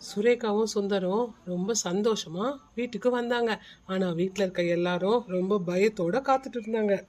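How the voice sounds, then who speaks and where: A narrator telling a cartoon story in plain, steady scripted narration. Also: medium pitch, moderate pace.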